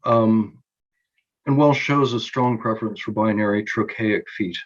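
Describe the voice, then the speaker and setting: A man with a somewhat low voice presents an academic conference talk. He explains his points in a measured way, with frequent ums and small restarts. The recording is dull and lo-fi.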